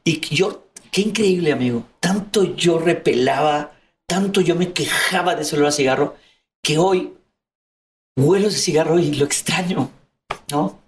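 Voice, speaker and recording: Mexican man telling his story, animated. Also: a little high, unhurried, a little hiss or hum. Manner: animated, acts out family members' voices, calls host "amigo". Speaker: interview guest. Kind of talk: candid conversational storytelling.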